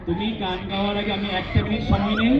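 A man's voice: high voice, flat delivery, fast talker, over loud music, over a noisy crowd. A man presenting a live puppet show to children as its host. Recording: echoey, distant, dull, noisy venue.

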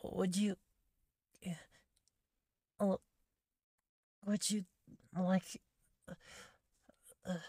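Woman playing a timid, hushed catgirl maid, very slow. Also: medium pitch, flat delivery, dry recording, studio quality. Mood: flustered, needy. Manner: timid, hushed, hesitant and halting. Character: shy, flustered catgirl maid waitress craving head pats. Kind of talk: soft-spoken ASMR role-play. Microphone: close, dry microphone.

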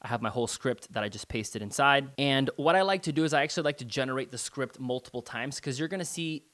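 A man's voice: medium pitch, fast talker, a bit bright. A man giving a casual, step-by-step tutorial over a screen recording. He talks in a laid-back, slangy way and swears offhandedly. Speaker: online marketing tutor.

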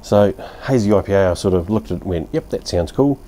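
A man in his fifties with a New Zealand accent casually reviews a beer at his outdoor home bar. His low, mellow voice is animated and quick, and his manner is laid-back and blunt, rambling with fillers and mild swearing.

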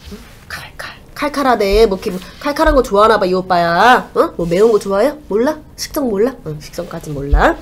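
A woman's voice: medium pitch, lively intonation, fast, few pauses, slightly rough. A woman doing a comic fortune-telling shaman, chatty and sing-song, now and then dropping to a whisper. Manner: chatty, sing-song, drops to whispers when relaying spirit messages. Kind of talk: comic shaman role-play.

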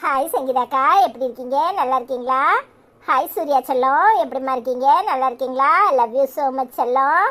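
A woman with a Tirunelveli Tamil accent, softly and affectionately reading out viewer comments as a cartoon channel creator. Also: high voice, fairly quick. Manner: soft, affectionate.

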